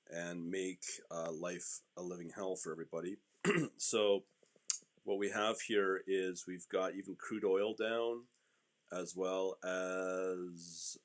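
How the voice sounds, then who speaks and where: Low, deep-voiced man live-streaming casually. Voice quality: low-volume voice. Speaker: host of a live trading stream. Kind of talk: casual live market commentary.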